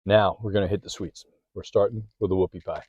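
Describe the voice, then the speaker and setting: A man with a lowish voice talks casually through a food tasting, chewing between remarks and filming one-handed. The sound is dry and a little dull, recorded up close in a car. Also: fairly even intonation, quick pace, darkish tone, breathy edge, no room sound. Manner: chatty, eats while talking, mouth full at times. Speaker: food vlogger. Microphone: handheld phone or camera.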